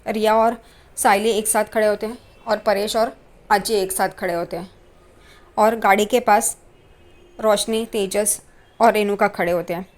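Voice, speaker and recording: Lady calmly recapping a tv serial episode, soft and steady. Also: mid-range voice, unhurried, pauses often. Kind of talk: retelling a TV episode.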